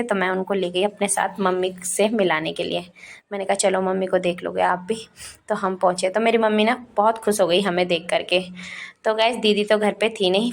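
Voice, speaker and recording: A young woman from Garhwal, chatting fast and cheerfully to her viewers in a casual home vlog. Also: mid-range voice. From Garhwal, Uttarakhand. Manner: fast-talking, chatty, addresses viewers as guys. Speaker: vlogger.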